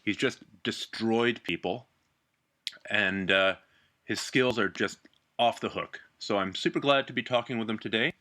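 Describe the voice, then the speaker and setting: Podcast host, low-ish bright voice, eager chat. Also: male voice, measured pace. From Canada. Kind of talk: casual interview.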